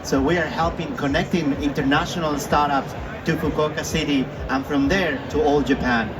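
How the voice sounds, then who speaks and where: A man's voice: a little high, fairly even intonation, moderate pace. A man born in Chile and raised in Australia, a startup incubator founder, introducing himself on a panel with enthusiasm. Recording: distant mic in a noisy event hall.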